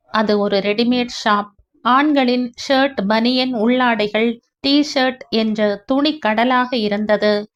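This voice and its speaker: A woman narrating a family story aloud in a slow, emotional reading style. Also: mid-range voice. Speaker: audiobook narrator. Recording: dull lo-fi recording.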